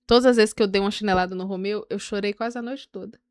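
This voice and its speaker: A woman co-hosting a casual faith-based chat, the mother of a small son, who tells animated stories, acts out what people said and laughs often. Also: medium pitch, quick pace, clear, resonant tone, dry recording, clean studio sound. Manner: animated storytelling, acting out quotes and laughing often. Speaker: podcast co-host.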